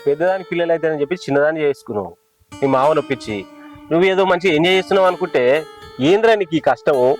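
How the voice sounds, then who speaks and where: A man's voice: fairly high pitch, racing, soft background music. A man playing a teasing friend in a village comedy. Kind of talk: scripted village comedy acting.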